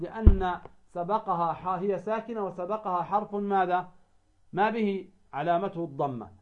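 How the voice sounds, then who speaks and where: High-voiced man teaching with self-answered questions. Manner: asks "what?" and answers it himself, drawing out quoted verses. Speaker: Quran recitation rules teacher. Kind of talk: explaining a recited poem line by line. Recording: dull lo-fi sound.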